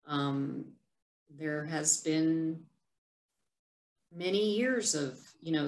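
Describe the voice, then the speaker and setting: A woman reading her own poem and then talking it over in a soft, unhurried, reflective way. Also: low-pitched. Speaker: vlogger sharing her poems. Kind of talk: poetry reading and reflective talk. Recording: echoey room.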